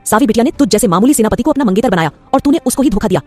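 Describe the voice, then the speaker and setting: A woman voicing a loyal, hot-tempered old male family retainer who scolds and shouts in an audio story. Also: medium pitch, animated, rapid-fire, soft background music, lightly acted. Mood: furious.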